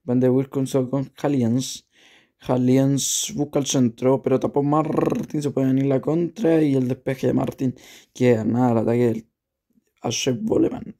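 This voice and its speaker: A man's voice: mid-range voice, level tone, unhurried, dark tone. A man commentating on a football video game, going through plays and figures and often repeating words.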